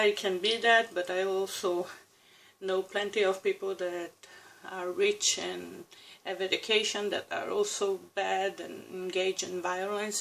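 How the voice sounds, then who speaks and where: Speaking to camera in a casual, reflective way, a Brazilian vlogger in her thirties uses a gravelly mid-range voice with a Brazilian Portuguese accent, pausing, restarting and giving soft laughs. The recording is poor, with a little hiss or hum.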